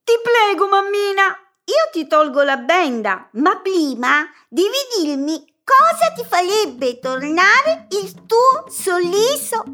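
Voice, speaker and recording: Marion, a very high little girl. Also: sing-song, takes it slowly, hardly any pauses, sharp tone, heavily acted. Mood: pleading. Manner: insistent, begging. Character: eager pleading little girl.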